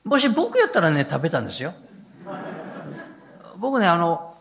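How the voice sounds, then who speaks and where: Older male pastor, high and lively pitch, gravelly edges, folksy humorous sermon. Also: moderate pace.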